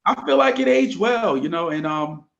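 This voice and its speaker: A man's voice: high-pitched, expressive, normal speed, a bit bright. A man co-hosting a podcast in casual chat, speaking reflectively and wandering through his thoughts with many fillers. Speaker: podcast co-host. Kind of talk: casual podcast chat about hip hop. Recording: dull lo-fi mic.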